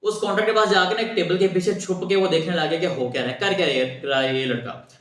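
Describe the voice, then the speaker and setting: Animated male narrator, high-pitched, roomy sound. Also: fast talker. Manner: lively, conversational, acts out dialogue. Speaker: storyteller, channel host. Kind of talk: animated storytelling. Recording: echoey room.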